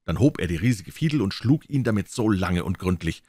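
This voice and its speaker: Male audiobook narrator, low-ish, very animated reading, dry close mic. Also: fairly quick, no echo. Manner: theatrical, lively storytelling. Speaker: audiobook reader. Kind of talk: scripted story narration.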